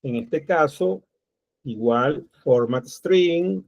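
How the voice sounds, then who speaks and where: A man's voice: on the high side, expressive, very slow, gravelly, darkish tone, dry recording. A man teaching a programming class, thinking aloud step by step while he types code. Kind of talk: screen-recorded coding tutorial. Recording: dull, lo-fi dry recording.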